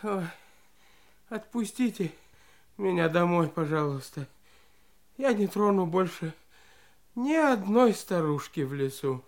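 A slow, stammering, blustering forester. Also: female voice, a little high, sing-song, fairly bright tone, slight background noise, heavily acted. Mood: cowed, pleading. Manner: stammering, repeating words haltingly. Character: blustering forester reduced to cowardly, pleading bumbler. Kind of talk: comic audio drama acting.

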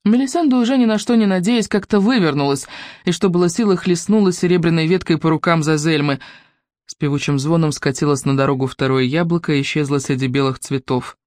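Audiobook narrator for a fairy tale, expressive, dry close mic. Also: mid-range voice, fairly quick, no echo. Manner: expressive storytelling.

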